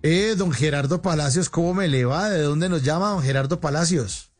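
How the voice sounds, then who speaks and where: A Colombian man hosts a late-night call-in radio show, his voice sitting a touch high. He talks in a chatty, teasing way, firing off questions at his caller, with faint music in the background. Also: normal speed. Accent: Colombian Spanish. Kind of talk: lively call-in radio chat.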